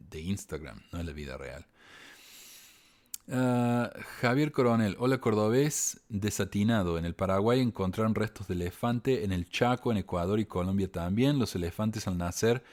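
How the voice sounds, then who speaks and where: Argentine guy hosting a live show, lowish voice, wry, keeps restarting his sentences. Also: darkish tone. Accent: Argentine Spanish. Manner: wry, hesitant, many restarts and fillers. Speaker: podcast host reading viewer comments. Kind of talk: casual live-show commentary.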